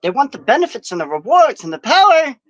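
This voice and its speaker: A man gives a rambling, profane vlog monologue outdoors in the wind. His voice sits high. The sound is dry and close. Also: very animated, fast, no echo, muffled recording. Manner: profane, ranting.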